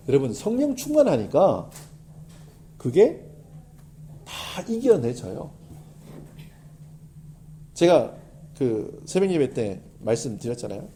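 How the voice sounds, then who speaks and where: Male pastor, middle-aged, preaching. Mellow, relaxed tone, with faint room noise behind him. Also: mid-range voice, takes it slowly, long pauses. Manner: animated, conversational preaching with emphatic swings. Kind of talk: sermon.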